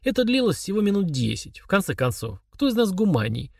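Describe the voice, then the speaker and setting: A man voicing a calm, mocking young man who chats casually while confessing murder to his father. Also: high voice, brisk, gravelly, breathy edge, dry recording, studio quality, voice pushed up, exaggerated voice. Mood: coolly sneering. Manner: chummy, sneering, confessional tone.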